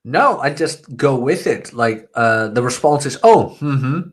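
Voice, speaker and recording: A Dutch man whose English sounds British, co-hosting a casual podcast in a relaxed, joking way. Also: measured pace, breathy edge. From Netherlands. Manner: laid-back, joking, lively pitch. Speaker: co-host.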